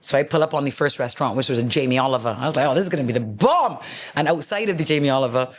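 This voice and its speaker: A middle-aged man hosting his own show, telling stories in a lively, casual monologue and acting out the people in them. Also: medium pitch, racing. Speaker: host, former radio host.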